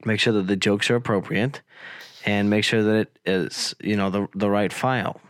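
A man's voice: on the low side, fairly even intonation, moderate pace, no room sound. A young man hosts a podcast while fighting a cold. He rambles and jokes in loose casual chat and swears freely. The sound is dry and close. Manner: rambling, joking, swears often. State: has a cold, voice lower and rough. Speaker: podcast host.

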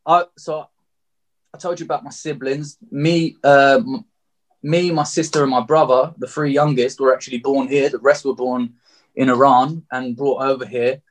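A man of around thirty from Margate, England, with a southeast English accent, recounts a personal story candidly as an interview guest. His voice is middling in pitch with little movement, his pace moderate, and his manner open and reflective. The recording quality is low.

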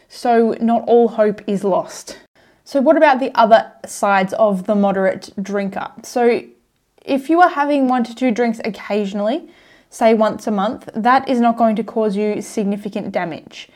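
Chatty higher-voiced woman host. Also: darkish tone. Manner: chatty, explains with asides and laughs. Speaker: podcast host. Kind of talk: casual educational monologue.

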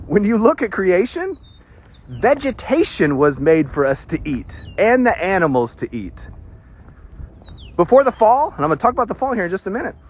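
Male preacher, high and lively, husky, casual teaching tone with jokes, dull lo-fi recording. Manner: animated, joking asides, emphatic pauses. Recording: dull lo-fi sound.

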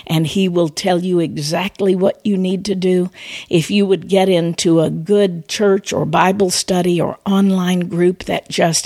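A middle-aged woman speaks in an earnest preaching cadence, sharing her testimony and calling listeners to faith. Her voice sits a little low for a woman. The sound is dry and close, with no room around it. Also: creaky, darkish tone, no echo. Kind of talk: evangelistic testimony and appeal.

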